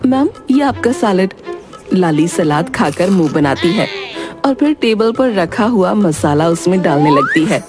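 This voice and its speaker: A woman giving scripted narration for a cartoon story in a plain, steady manner. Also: lowish voice, a little slow. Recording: voice over background music.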